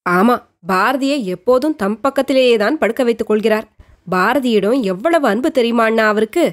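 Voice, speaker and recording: A woman's voice: fairly high pitch, expressive, normal speed, lightly acted. A woman voicing a devoted younger sister who asks eager questions.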